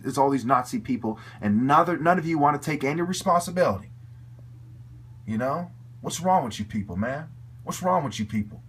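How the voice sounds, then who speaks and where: A man's voice: mid-range voice, a bit bright, a little hiss or hum. A man giving an angry, profane video rant, heated and repetitive in his delivery. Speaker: video commentator.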